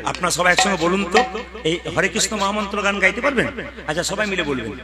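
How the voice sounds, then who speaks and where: A man with a Bengali accent leading a village kirtan, chatting and teasing the crowd between loud chanted calls. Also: high voice, fast talker. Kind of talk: live devotional kirtan with call-and-response chanting. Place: outdoor village gathering with an audience. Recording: live music over a PA.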